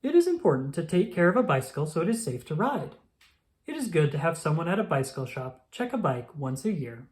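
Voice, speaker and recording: Reading a children's picture book aloud, this narrator is very animated and moves along fairly quickly. The mid-range voice stays clearly enunciated and instructional throughout.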